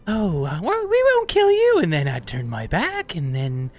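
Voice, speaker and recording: A man's voice: a little high, huge pitch swings, moderate pace, darkish tone, faint music behind, voice pushed up. A man voicing a suspicious, menacing monster in an old hag voice during a tabletop role-play game. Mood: suspicious, mocking.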